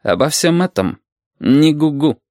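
A man reading an audiobook and voicing a young police inspector who speaks calmly, with a measured, dryly ironic edge. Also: fairly high pitch, no room sound, studio quality, voice pushed up. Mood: stern. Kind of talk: audiobook character voice.

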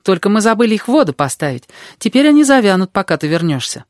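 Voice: medium pitch, very animated, quick pace, no echo, studio quality, pitched above the performer's own voice, natural voice. A reader voicing a frail, sickly boy who talks in a playful, teasing way. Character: frail sickly boy, admired pet of the nurses.

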